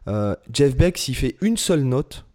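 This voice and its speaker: A man's voice: medium pitch, very animated, unhurried, dark tone. A man co-hosting a casual podcast chat, rambling with lots of fillers and restarts. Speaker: podcast co-host, guitar teacher.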